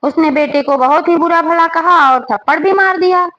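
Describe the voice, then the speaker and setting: High-pitched lady telling a devotional folk story, homely chatty way, kinda muffled lo-fi sound. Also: moderate pace, fairly bright tone. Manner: plain homely retelling with fillers and asides.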